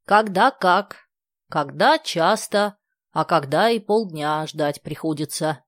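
A woman reading aloud and voicing a kindly, talkative old village woman who speaks in a slow, folksy way. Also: on the low side, expressive, no echo, studio quality. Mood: folksy chatter.

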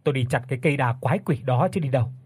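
A man's voice: medium pitch, very fast, a little mellow, husky, no echo, close to an everyday voice. A man voicing a hot-tempered middle-aged village father who blusters angrily, in a spoken ghost story. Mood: angry. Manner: angry blustering.

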